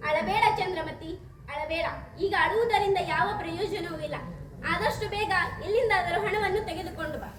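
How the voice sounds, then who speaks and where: A young woman on stage voicing a stern, disgraced king who guards a cremation ground, speaking in lowered, measured commands. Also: noisy background. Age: late teens. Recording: echoey hall.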